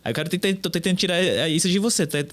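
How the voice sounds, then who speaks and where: A man's voice: high-pitched, lively intonation, rapid-fire. A man with a Brazilian accent, a podcast host who asks long, rambling questions while searching for words. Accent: Brazilian Portuguese. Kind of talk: casual interview questions.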